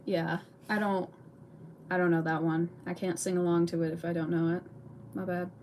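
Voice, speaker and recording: A woman chatting casually with viewers on a livestream in a soft, laid-back way. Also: fairly low pitch, level tone, normal speed. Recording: clear music playing behind.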